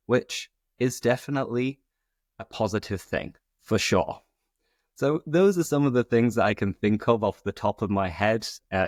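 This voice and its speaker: A British man hosting a conversational solo podcast, explaining things informally in clear phrases like a teacher. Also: lowish voice, dry recording, studio quality. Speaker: podcast host and English teacher.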